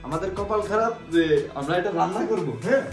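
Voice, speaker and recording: Fast-talking young Bangladeshi man, chatty. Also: high voice, expressive. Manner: chatty, joking, informal. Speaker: vlogger hosting a food challenge. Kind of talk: casual vlog chat. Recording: roomy echo, music underneath.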